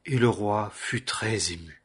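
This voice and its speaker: Husky man reading scripture solemnly. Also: on the low side, a little slow, a bit bright. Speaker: scripture reader.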